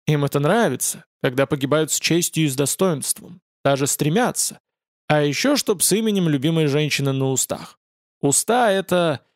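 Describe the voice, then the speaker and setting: A man's voice: a little high, moderate pace, dry recording, natural voice. A man reading an audiobook, voicing a male fallen angel with a dry, mocking and commanding manner.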